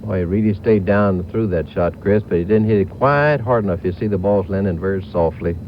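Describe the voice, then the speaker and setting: A man's voice: deep voice, fairly quick. A man giving conversational golf analysis during an old live television broadcast. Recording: dull, noisy vintage TV broadcast.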